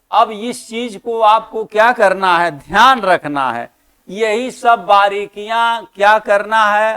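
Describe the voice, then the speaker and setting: A male teacher giving an exam-prep lesson, asking the class questions and answering them himself, and repeating key terms slowly for emphasis. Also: high voice, a bit bright, smooth.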